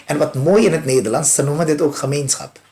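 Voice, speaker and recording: A male spiritual teacher tells a parable in an animated way, climbing to emphatic peaks and then sinking into quiet asides. He sometimes repeats a word while he searches for the next one. His delivery is that of an unhurried discourse. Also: a little high. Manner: animated storytelling, rising emphatic peaks and soft drops; searches for words, repeats himself.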